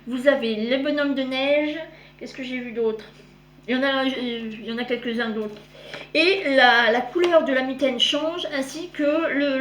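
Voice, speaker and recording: This cross-stitch vlogger has a high-pitched voice and rambles casually through her show-and-tell, frequently correcting herself as she goes. She warmly refers to viewers as "girls," and the audio carries a roomy echo plus a little hiss or hum.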